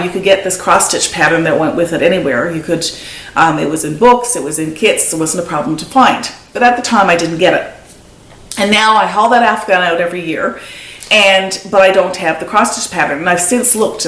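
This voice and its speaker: With a fairly low voice and a Newfoundland accent, this middle-aged host from Newfoundland and Labrador, Canada, chats eagerly on her knitting podcast, doing show-and-tell with craft supplies at home. The recording has an echoey room and faint noise.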